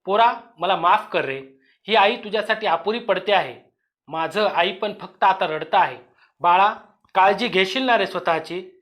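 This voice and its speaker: A man's voice: sits high, measured pace, a bit bright. A man reading an audio story, voicing a grief-stricken young village mother who pleads tearfully and raises her voice. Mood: pleading.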